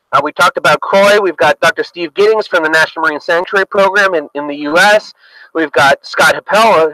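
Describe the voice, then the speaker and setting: A man's voice: fairly high pitch, pushed and bright, dry recording, rough recording. A marine researcher speaking on a boat deck through a microphone inside his dive mask, explaining plainly to young viewers on a live educational broadcast.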